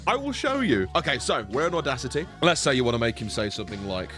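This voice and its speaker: A man in his twenties hosts a casual, jokey software tutorial, talking fast in a sing-song, medium-pitched, slightly bright voice that's playful, sweary and mock-teasing. He's close to a desk boom-arm mic in a small bedroom indoors, with soft background music.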